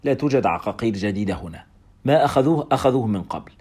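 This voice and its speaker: A stern colony director who lays down the rules in short, firm sentences, as a male narrator reads him. The voice sits low but moves a lot, and the lines come out quickly. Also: lively intonation, darkish tone, husky. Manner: firm, curt pronouncements.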